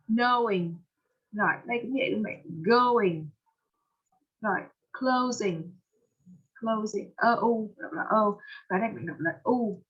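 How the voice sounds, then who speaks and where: A woman teaching English pronunciation with a Vietnamese accent, patiently drilling words and repeating them slowly. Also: a little high, breathy edge, highs cut off. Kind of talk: online pronunciation lesson.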